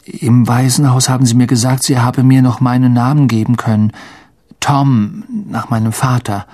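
A man's voice: medium pitch, little pitch movement, normal speed, a little mellow, no echo, lightly acted. A man voicing a polite, earnest sixteen-year-old schoolboy who sounds respectful, in an audiobook reading. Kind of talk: audiobook character voice.

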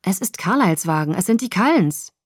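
A woman's voice: lowish voice, very animated, fairly quick, dry recording, clean studio sound. A woman voicing an anxious young woman who pleads urgently.

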